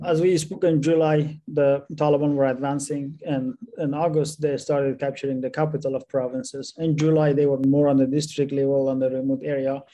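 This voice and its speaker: Mellow-voiced man. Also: mid-range voice. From Afghanistan. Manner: steady, slightly halting second-language English. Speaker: guest, church network leader. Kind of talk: interview answers.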